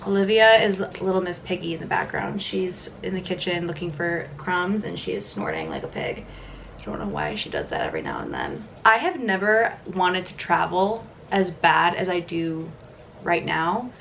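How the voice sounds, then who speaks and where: Chatty young woman with vocal fry. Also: fairly low pitch, expressive, moderate pace, a bit bright, a little hiss or hum. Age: 20s. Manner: chatty, many "like" fillers. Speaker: vlogger. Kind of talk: casual vlog chat during a makeup routine.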